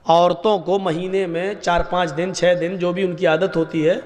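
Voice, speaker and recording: A male preacher delivers a sermon to a gathering, hammering his points and breaking into shouts. His voice sits very high for a man. It rings through a large hall with a long echo. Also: little pitch movement. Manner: emphatic, rising to shouts on key points.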